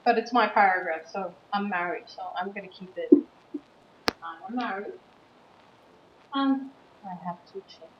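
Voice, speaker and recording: A woman in her thirties, a teacher from the USA, giving a writing lesson and explaining slowly and patiently, stressing key words. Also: medium pitch. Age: 30s. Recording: dull, roomy recording with faint background noise.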